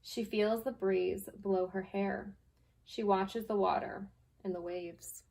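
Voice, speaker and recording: Female storyteller for a children's read-aloud, mid-range voice, simple and deliberate phrasing. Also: medium pitch, fairly even intonation, a little mellow, slight background noise, poor audio. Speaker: guest storyteller, school staff member.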